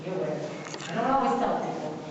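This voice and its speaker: A woman's voice: fairly low pitch, lively intonation, fast, noisy background. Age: adult. Sex: woman. Role: cave tour guide. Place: underground cave. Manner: directs the group and points things out with a laser. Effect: cave echo. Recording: echoey cave, far from the mic, dull lo-fi.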